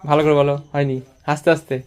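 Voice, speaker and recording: Playful teasing man, high-ish voice. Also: level tone, quick pace, darkish tone, faint music behind. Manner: playful, teasing and coaxing, repeating words. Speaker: vlogger. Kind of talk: casual home vlog, talking to a child.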